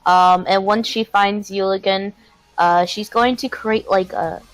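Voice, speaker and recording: A woman's voice: mid-range voice, steady tone, a little slow, soft background music, low-quality recording. A woman playing a tabletop game, describing her character's actions hesitantly with many fillers. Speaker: player. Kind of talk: casual tabletop play.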